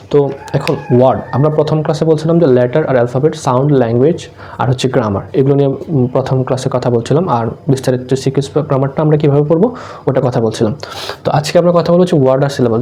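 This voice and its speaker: A man's voice: mid-range voice, dark tone. A young man teaching a grammar lesson, asking his listeners questions and answering them himself. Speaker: English teacher.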